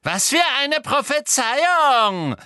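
A man reading an audiobook and voicing a cruel, unhinged witch with a shrill, screeching voice. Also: big pitch swings, slow pace, sharp tone, dry recording, studio quality, full character voice. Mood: mocking menace. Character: shrieking fanatical witch woman, cruel and unhinged. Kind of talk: audiobook character voice.

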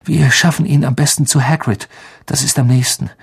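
A man's voice: mid-range voice, steady tone, moderate pace, creaky, breathy edge. A man voicing a brusque, level-headed schoolboy close to his own voice. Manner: curt and brusque.

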